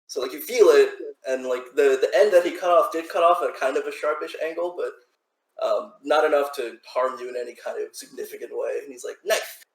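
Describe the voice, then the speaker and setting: Gravelly guy running a tabletop game, rambly, echoey room. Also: medium pitch, a little fast. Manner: loose, rambling with fillers and restarts. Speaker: game master.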